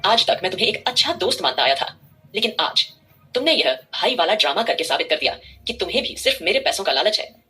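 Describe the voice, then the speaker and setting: A woman's voice: mid-range voice, sing-song, fast talker, bright, forceful tone, soft background music. A woman voicing an arrogant, cruel young billionaire man who sneers with contempt. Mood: contemptuous.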